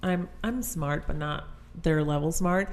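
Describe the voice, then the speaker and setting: A woman from Chile, a guest in a casual interview, speaking modestly and haltingly with restarts. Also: sits low. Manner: modest, halting, self-deprecating. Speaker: guest photographer.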